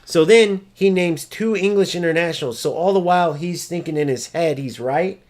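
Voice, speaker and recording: Man, gaming streamer, ranting commentary, profane, mocking, slightly high voice. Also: moderate pace, darkish tone. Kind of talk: ranting commentary over gameplay.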